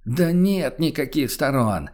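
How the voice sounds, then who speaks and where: A man's voice: a little high, big pitch swings, a little fast, darkish tone, pitched above the performer's own voice. A man doing an indignant, scolding merchant. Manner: outraged, scolding. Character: indignant male merchant, self-righteous.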